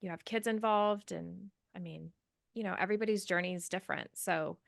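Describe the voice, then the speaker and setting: A woman's voice: lowish voice, steady tone, fairly quick, gravelly, no room sound, clean studio sound. An American woman co-hosting a podcast, upbeat in tone, with frequent "um"s in casual talk. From United States. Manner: upbeat, says um often. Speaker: podcast co-host. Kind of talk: podcast intro and casual chat.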